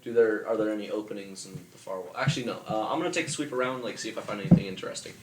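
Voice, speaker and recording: A man's voice: lowish voice, rapid-fire. A man playing in a casual tabletop game, hesitant and filling with ums. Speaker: player. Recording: distant mic, echoey room, loud noise.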